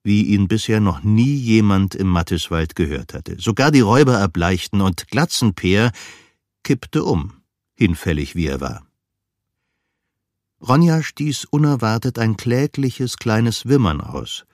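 Lively deep-voiced male storyteller. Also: unhurried, no room sound, studio quality. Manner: expressive, lively, with big dynamic shifts. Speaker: narrator. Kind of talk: audiobook storytelling.

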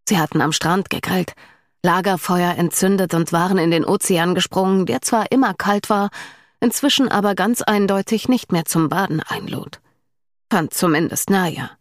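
Female audiobook narrator, lowish voice, calm even read, dry studio sound. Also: dry recording. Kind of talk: scripted narration.

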